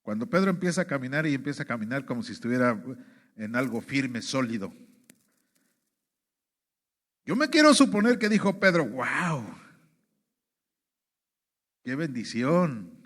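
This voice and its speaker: A man from Mexico preaching a sermon, constantly calling out to his brothers with rhetorical questions and halting restarts. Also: mid-range voice, sing-song, fairly bright tone.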